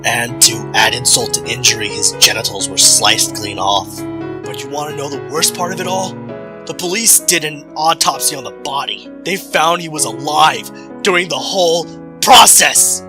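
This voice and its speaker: A man voicing a shaken, horrified young man in a horror story, talking haltingly and choked with grief. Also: lowish voice, fairly even intonation, over music, close to an everyday voice. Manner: speaks quietly, halting, choked up. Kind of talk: horror story character dialogue.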